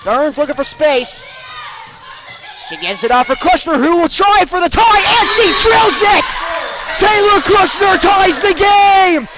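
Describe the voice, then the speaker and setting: A young adult male sportscaster does play-by-play, delivering emphatic, projected broadcast commentary. His voice is very high-pitched and expressive, and he takes an unhurried pace.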